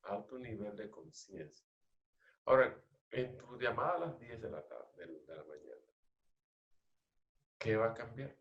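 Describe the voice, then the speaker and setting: A man leading an agile training session, coaching a participant with slow, questioning explanations. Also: fairly low pitch, animated, roomy sound, dull audio.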